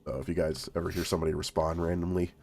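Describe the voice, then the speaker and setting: A man's voice: low-pitched, little pitch movement, rapid-fire, vocal fry, crowd noise. A man hosting a stream, chatting casually while gaming, laid-back and full of fillers. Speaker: stream host.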